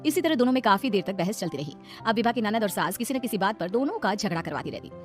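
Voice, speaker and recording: A woman narrating a moral story in a brisk, matter-of-fact way. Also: mid-range voice, expressive, faint music behind.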